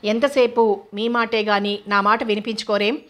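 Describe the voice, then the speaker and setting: A woman voicing a greedy small-town male doctor who mocks and then gets flustered, read in a narrow, even tone. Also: mid-range voice, moderate pace, natural voice. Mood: pushy.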